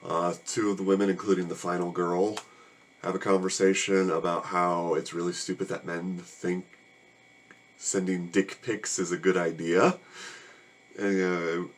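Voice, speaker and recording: A man's voice: deep voice, little pitch movement, unhurried, slight background noise. A man casually reviewing a movie, rambling in a weary, sarcastic and annoyed way.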